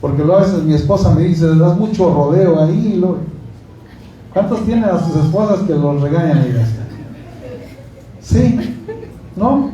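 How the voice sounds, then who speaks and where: A man's voice: fairly high pitch, animated, normal speed, pauses often, mellow, lo-fi sound, slight background noise. A man preaching a sermon in a church, chatting with the congregation, asking them questions and joking. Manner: conversational preaching, asks the congregation questions, jokes. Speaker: pastor. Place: church hall. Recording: echoey hall, from far off.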